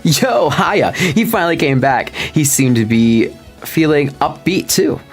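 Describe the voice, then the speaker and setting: A man's voice: a little high, a little slow, soft background music, voice pushed up. A man voicing a laid-back, friendly young male fire-type trainer from a video game, reading the game's dialogue aloud.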